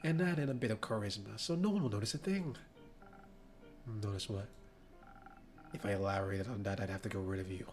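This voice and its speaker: A brash one-armed handywoman with a gruff pirate drawl, as a man puts her on while reading game text. She talks in a sly, conspiratorial way. Soft music plays faintly behind. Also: on the low side, a little fast, long pauses, natural voice.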